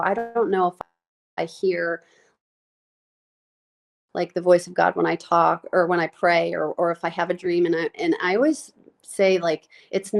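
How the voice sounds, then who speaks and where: On a podcast, a woman who works as a nurse practitioner opens up about a painful personal experience. She stumbles through it with many fillers, sincere and tearful, her voice breaking as she goes.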